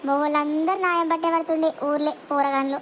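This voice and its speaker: A very high-pitched performer playing a brash, gossipy middle-aged village woman with a Telangana accent, bragging in quick cartoon banter. A faint hiss of noise sits under the voice. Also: flat delivery, fairly bright tone. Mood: boastful. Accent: Telangana Telugu.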